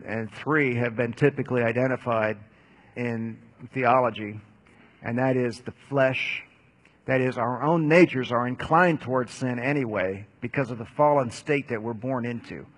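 A man teaching Bible lessons, answering audience questions in a measured, explanatory way. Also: medium pitch.

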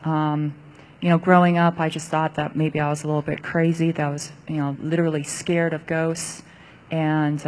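A woman's voice: low voice, a little mellow, slight background noise. A woman from Taiwan, an audience member sharing a personal testimony, hesitant with many fillers.

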